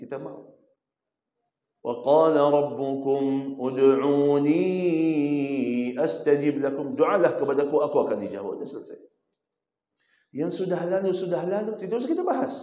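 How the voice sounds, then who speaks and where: A man preaching at dawn in a mosque, his mellow, darker voice ringing through an echoey hall. He pleads and exhorts with passion, rising to near-shouts and dropping to near-whispers. The sound is slightly dull. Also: medium pitch. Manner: impassioned, acts out pleading prayers with swings from loud to hushed.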